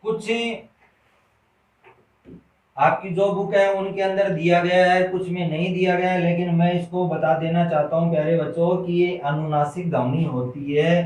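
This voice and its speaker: Slow, questioning male Hindi teacher. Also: sits high, a little mellow. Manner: slow, repetitive question-and-answer drilling, addresses children as "beta". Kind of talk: classroom grammar lesson. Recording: roomy echo, distant mic.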